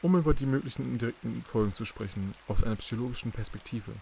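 A man voicing a polite, calculating male psychiatrist in an audiobook, soft and measured. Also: medium pitch, vocal fry, slight background noise, close to an everyday voice. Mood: soothing. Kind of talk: audiobook character reading.

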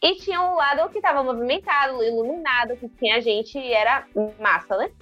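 A young adult Brazilian woman telling a story in casual chat, acting out quotes with big jumps in pitch. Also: brisk, pushed and bright, muffled recording, faint music behind. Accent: Brazilian Portuguese.

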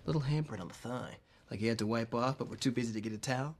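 A man's voice: mid-range voice, rapid-fire, close to an everyday voice. An actor playing a goofy man gearing up for home repairs in a sitcom. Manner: goofy, laughing. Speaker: sitcom character. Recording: noisy background.

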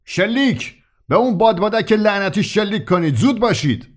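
Shouting prison warden, furious and cursing; a male narrator puts him on. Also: medium pitch, lively intonation, lightly acted. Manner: shouting orders.

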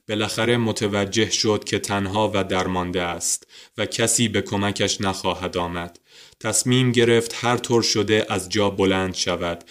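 A man reading a novel aloud, narrating in a calm, steady storytelling manner. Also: lowish voice, clear, resonant tone. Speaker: audiobook narrator. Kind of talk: scripted narration.

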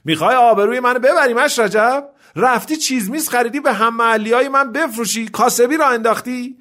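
Male narrator plays stern older aunt, scolding, pushed high and loud. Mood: indignant scolding. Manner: scolding, indignant.

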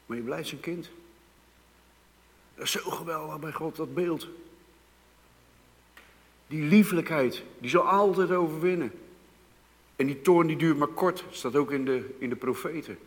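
Dutch-speaking preacher in a reverberant hall. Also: male voice, fairly high pitch, a little slow, pauses often. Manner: dramatic swings between hushed and loud emphasis. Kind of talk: sermon. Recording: long reverb of a church hall.

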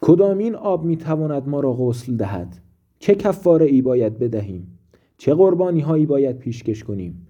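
A man voicing a raving, ailing philosopher who declaims loudly and grandly. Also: mid-range voice, muffled recording, natural voice.

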